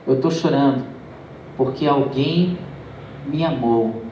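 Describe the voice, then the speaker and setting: A Brazilian preacher voicing a frail, grateful old man recovering from surgery, in a soft, low and slow voice. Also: reverberant, recorded from a distance, lo-fi sound, a little hiss or hum, lightly acted. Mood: tender. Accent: Brazilian Portuguese.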